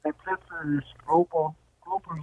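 A man calling in to a radio show over a phone line, asking his question haltingly with many pauses and restarts. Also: on the high side, fairly even intonation. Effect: heard over a phone line. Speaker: radio call-in caller. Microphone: telephone handset held close to the mouth. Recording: tinny narrowband phone line, dry.

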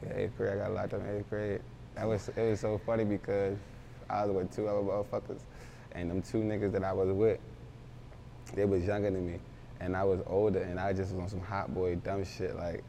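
A man's voice: low voice, level tone, brisk, gravelly, dark tone, slight background noise. A young man, a rapper, talking casually in an interview with loose, rambling street slang. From Baltimore, raised in Philadelphia.

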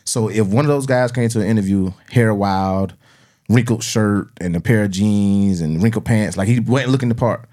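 A man's voice: lowish voice, normal speed, dark tone. A man with a South Carolina Southern accent chatting and debating casually as a podcast host, using slang and swearing freely.

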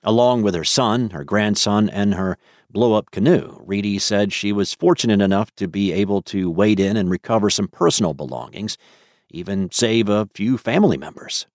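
A man narrates a daily weather news report in an even, measured read. His voice sits fairly low. The recording is dry and close, with no room sound. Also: dry recording.

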